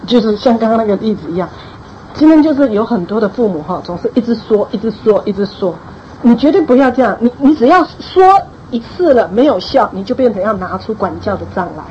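A woman pastor with a slightly high voice, speaking firmly and driving her points home through repetition. The recording is dull and lo-fi, with faint ambient noise underneath. She sounds like she is counseling a small church group. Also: animated, a little fast. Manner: firm, emphatic, repeats key phrases. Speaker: pastor giving parenting advice.

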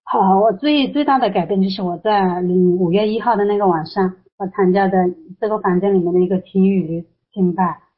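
A woman sharing a personal testimony in an online prayer room, emotional and rising high as she recounts her prayer. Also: a little fast, few pauses. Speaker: testimony speaker. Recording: muffled lo-fi online voice chat.

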